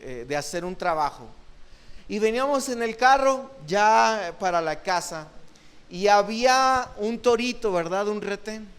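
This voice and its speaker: Man, pastor, Mexican accent, sermon, high voice, slow pace, chatty storytelling. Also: smooth. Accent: Mexican Spanish. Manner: conversational storytelling preacher, asks the congregation to respond.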